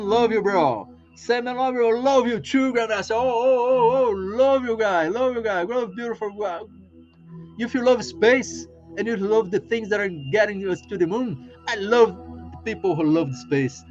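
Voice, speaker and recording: Effusive Brazilian man with a lively, rambling manner. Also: sits high, highs cut off. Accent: Brazilian Portuguese. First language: Portuguese. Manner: rambling, repeats words, many fillers, warm and effusive. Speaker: livestream host. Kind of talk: casual live-stream chat.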